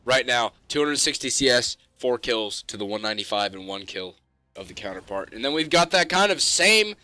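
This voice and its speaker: A young man doing joking live esports play-by-play that bursts into shouted hype calls. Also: medium pitch, lively intonation, brisk, dry recording. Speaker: esports caster.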